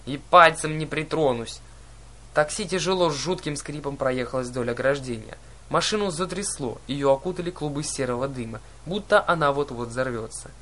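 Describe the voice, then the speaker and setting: A man narrating an audiobook in a lively, expressive reading. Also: medium pitch, brisk, a little hiss or hum. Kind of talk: scripted narration.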